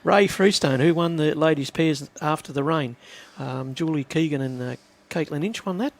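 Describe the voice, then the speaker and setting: A man's voice: a little high, moderate pace. A man commentating a lawn bowls match, steadily explaining the play and answering viewer questions. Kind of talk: live sports commentary.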